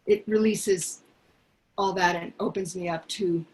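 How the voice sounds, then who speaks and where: A woman's voice: fairly low pitch, steady tone, darkish tone, low-quality recording. Earnest older woman on a video call. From Peru. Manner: earnest, reflective, pausing often. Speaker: singer sharing a song. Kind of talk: casual video call chat. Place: home living room. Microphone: headset mic on video call.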